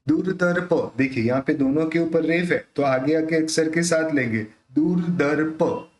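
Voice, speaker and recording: A man teaching the pronunciation of a devotional hymn, reciting verses slowly and then explaining the rules in a conversational way. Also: fairly high pitch, roomy sound.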